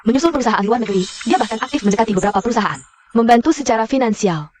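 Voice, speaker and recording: A woman's voice: a little high, animated, rapid-fire, a little hiss or hum, natural voice. Woman voicing a poised female lab chief. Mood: formal. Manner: formal, composed speech-giving. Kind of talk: dubbed drama.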